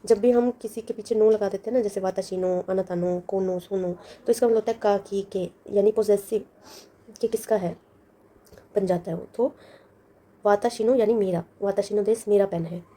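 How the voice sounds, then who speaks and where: Woman teacher, very dark mellow tone, patient step-by-step explainer, repeats words with meanings. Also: medium pitch, fairly even intonation, normal speed. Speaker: language teacher. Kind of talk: lesson walkthrough.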